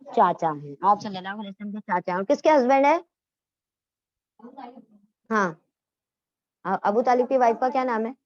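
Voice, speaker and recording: Teaching Islamic history in a relaxed class setting, a woman walks through the material step by step, quizzes her students, and frequently restarts or corrects herself. Her mid-range voice is expressive and moves at a normal speed with frequent pauses, captured in a dry, lo-fi recording.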